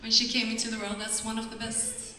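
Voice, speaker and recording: A woman's voice: on the high side, little pitch movement, brisk, bright, forceful tone, slight background noise. A woman fan asking a question at a convention panel, eager and a little nervous. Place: large convention hall. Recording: echoey hall, far from mic.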